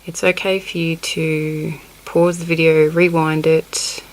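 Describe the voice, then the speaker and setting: A low-voiced woman with a cold teaches crochet slowly and in a level tone, sniffling as close-up shots follow her hands. She counts stitches quietly and apologizes in little asides, and the recording is rough.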